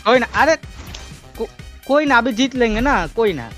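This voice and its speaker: Man, gaming host, high voice, excitable, repeats himself, music behind. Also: moderate pace. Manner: excitable, repeats words, mixes English. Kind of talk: gameplay commentary with teammate.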